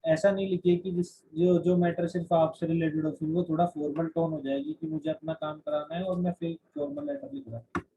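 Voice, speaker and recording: Gravelly-voiced male teacher lecturing. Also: high-pitched, expressive, a little fast, mellow. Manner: explains in Hindi mixed with English terms, restarts often. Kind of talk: classroom lecture. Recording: dull lo-fi recording.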